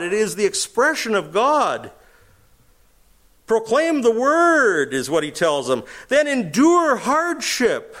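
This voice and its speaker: A middle-aged male pastor preaching a sermon, rising to emphatic, high-pitched calls between calmer stretches.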